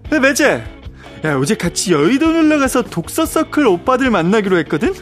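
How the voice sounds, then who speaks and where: Male DJ playing a shrill, gossiping woman friend in a radio sketch, high and swooping. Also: very animated, moderate pace, fairly bright tone, soft background music, full character voice. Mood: indignant. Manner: whiny, exasperated, calls out "야". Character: chatty, complaining woman friend, always gossiping.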